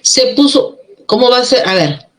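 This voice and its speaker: Woman teacher, higher voice, step-by-step grammar explanations with check-in questions, echoey room sound. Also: expressive, moderate pace. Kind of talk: classroom grammar lesson.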